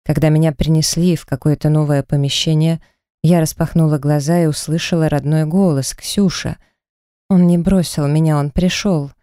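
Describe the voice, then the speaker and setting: Mellow, smooth-voiced woman narrating. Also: sits low, steady tone, a little fast, no echo, clean studio sound. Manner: dramatic, emotional reading. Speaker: audiobook narrator. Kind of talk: first-person novel narration.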